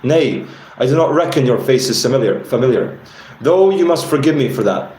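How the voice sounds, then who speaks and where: A man's voice: mid-range voice, animated, normal speed, darkish tone, echoey room, a little hiss or hum, close to an everyday voice. A man reading aloud from his own novel and voicing a stern, suspicious border commander who talks formally and old-fashioned.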